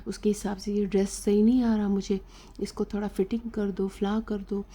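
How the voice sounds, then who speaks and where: A woman reading out the lines of a proud young woman who boasts of her business and makes demands, in a husky, dark voice. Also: mid-range voice, little pitch movement, close to an everyday voice. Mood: haughty. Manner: haughty, demanding.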